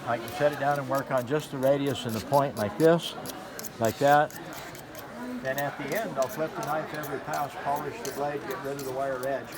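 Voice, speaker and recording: Over crowd noise in a large expo hall with a concrete floor, a middle-aged knife sharpening demonstrator speaks at a moderate pace with a mid-range voice and fairly even intonation. He keeps it folksy and hands-on, explaining things simply and repeating himself to drive points home. The audio comes from a handheld camera mic a step or two away, and the hall's background noise is clear.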